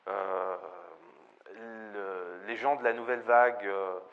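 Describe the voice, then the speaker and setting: A man's voice: lowish voice, fairly even intonation, slow pace. Hesitant man giving a film lecture. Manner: hesitant, many fillers and restarts. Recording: dull lo-fi recording with faint ambient noise.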